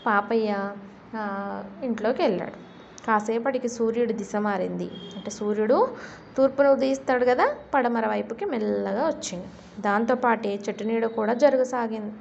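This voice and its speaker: Teacher telling a story, high voice. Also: female voice, creaky, a little mellow, a little hiss or hum. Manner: slow, explaining and asking the class questions. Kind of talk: storytelling lesson for children. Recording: dull lo-fi recording.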